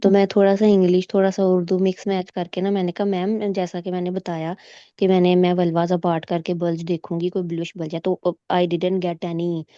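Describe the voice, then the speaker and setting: A woman's voice: lowish voice, a little fast, no room sound. Dull lo-fi call, woman recounting. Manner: animated retelling, quoting examiners and herself; mixes English medical terms into her talk. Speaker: exam candidate sharing her experience. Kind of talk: casual storytelling in a recorded meet.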